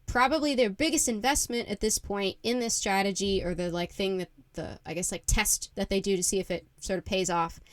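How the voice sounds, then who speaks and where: A woman's voice: mid-range voice, fairly even intonation, brisk, few pauses, no echo. A woman co-hosting a podcast in casual chat, talking in a chatty, laughing way full of filler words. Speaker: podcast co-host.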